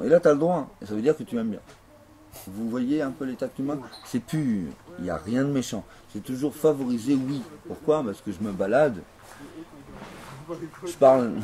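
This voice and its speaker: A man giving a grandiose, declamatory mystical monologue in an interview, slow and emphatic. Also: mid-range voice, mellow.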